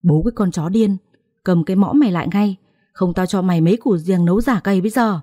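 A woman voicing a spiteful, sharp-tongued elder sister-in-law in a family drama story. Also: mid-range voice, fast talker, dry recording, studio quality, lightly acted. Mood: furious.

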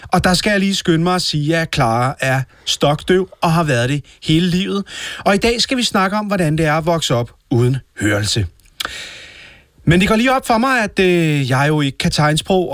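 A man's voice: fairly high pitch, expressive, fairly bright tone, no room sound, clean studio sound. A man playing a smug tactless woman radio host. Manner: patronizing, slow and deliberate. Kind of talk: sketch comedy.

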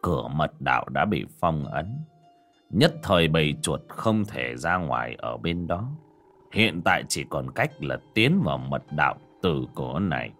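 A man voicing a grave, composed old Taoist master in an audiobook, with slow, measured, weighty delivery. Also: rumbling low, sing-song, a bit bright, faint music behind, pitched below the performer's own voice, exaggerated voice. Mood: grave, calm. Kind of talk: audiobook character acting.

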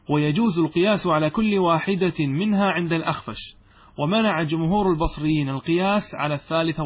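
Male grammar teacher, lecture style, somewhat high and husky, methodical and question-driven. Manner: explains step by step, asks the students questions and answers them himself. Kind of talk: classroom lecture.

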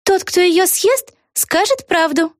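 A woman voicing an excitable young girl witch in a storybook, with a very high, squeaky voice and breathless exclamations. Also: slow, dry recording, clean studio sound, full character voice. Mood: excited.

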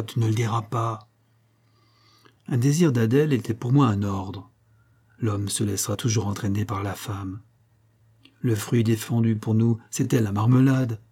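In this literary audiobook reading, a man narrates a classic short story with deliberate, expressive timing. The voice is mid-pitched, warm and dark, carrying a husky texture.

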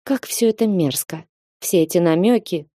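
A woman voicing a tired, proud young viscountess who speaks quietly and with restraint in an audiobook. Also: fairly low pitch, expressive, normal speed, no room sound, studio quality. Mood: weary.

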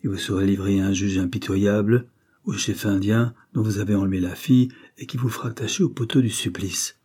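Male reader as an implacable young duke: firm, measured, dark. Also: fairly low pitch, fairly even intonation, breathy edge. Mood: stern.

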